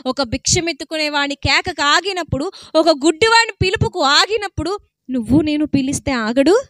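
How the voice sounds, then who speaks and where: A woman preacher with a very high, bright voice tells a story from the pulpit, asking her congregation question after question as she goes. Her voice comes through close and dry, with no room around it. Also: animated, a little fast, dry recording. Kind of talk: sermon.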